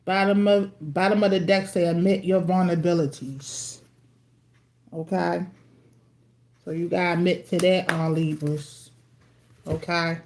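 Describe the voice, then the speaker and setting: A woman's voice: on the low side, steady tone, measured pace, pauses often, a little mellow, slight background noise. A woman doing a casual livestream tarot reading at home, chatty and informal, calling her viewers y'all and eating as she talks. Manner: chatty, eats while talking, addresses viewers as y'all. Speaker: tarot card reader. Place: at home with TV playing.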